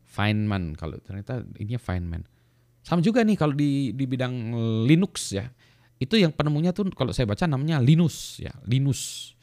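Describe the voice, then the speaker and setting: Seorang pria setengah baya, dosen teknik elektro, bercerita santai, bertele-tele dan sering terkekeh, dengan nada yang kadang melonjak. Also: male voice, fast talker, no room sound, studio quality. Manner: rambling, chuckling, lively pitch jumps. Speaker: lecturer in electrical engineering. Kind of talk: casual vlog talk.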